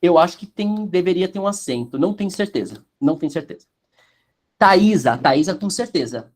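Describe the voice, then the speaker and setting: A man's voice: high-pitched, expressive, a little fast. A man teaching Italian pronunciation in an online class, explaining with a sing-song lilt and checking the chat.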